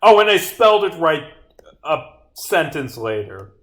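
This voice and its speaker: Slightly high and sing-song, his bright voice moves a little slowly. Streaming from indoors at a computer, the man mutters casually through his game's script, reading it aloud, bugfixing, and tossing out sweary, grumbling remarks.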